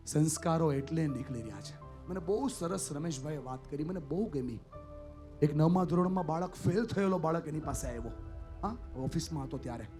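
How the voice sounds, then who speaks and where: A man's voice: on the high side, mellow. A man giving an impassioned live motivational speech at a school event, often addressing the audience directly and acting out story characters. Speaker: motivational speaker.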